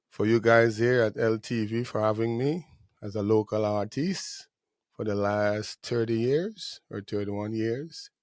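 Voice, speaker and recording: A middle-aged man, a musician guest speaking in an unhurried, devout and grateful way in a studio interview. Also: fairly low pitch, no echo. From Guyana.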